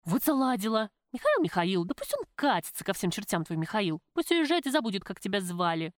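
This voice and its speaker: A woman's voice: medium pitch, huge pitch swings, brisk, no room sound, clean studio sound. Woman doing a bossy, blunt streetwise girlfriend. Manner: blunt, scolding, rough slang. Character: brassy, bossy young woman, a streetwise friend.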